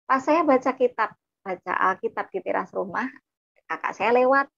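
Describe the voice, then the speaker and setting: A woman's voice: a little high, expressive, normal speed, vocal fry, fairly bright tone, highs cut off. A woman giving a personal testimony to a congregation, often addressing her listeners and repeating her phrases. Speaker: testimony speaker.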